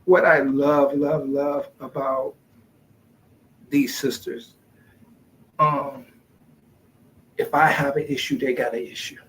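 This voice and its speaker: A man co-hosting a podcast in a laid-back, joking way, speaking slowly. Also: mid-range voice, level tone, fairly bright tone, rough recording. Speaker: podcast co-host. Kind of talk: casual podcast chat.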